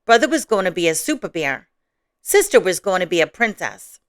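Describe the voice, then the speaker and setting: Expressive woman reading children's stories. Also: fairly low pitch, a little fast, dry recording, clean studio sound. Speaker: storyteller host. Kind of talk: children's story read-aloud.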